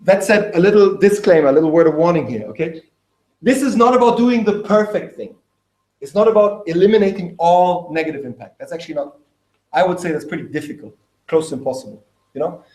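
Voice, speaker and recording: A man giving a lively lecture to an audience, often checking in with "okay?" and "right?". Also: sits high, brisk, reverberant. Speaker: speaker at a talk.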